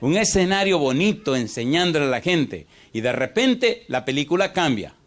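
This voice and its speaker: A man preaching a sermon as pastor, animated, quizzing the congregation with repeated yes-or-no questions and swinging between rushed and drawn-out delivery. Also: fairly high pitch. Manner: animated, shifts pace from fast to drawn out.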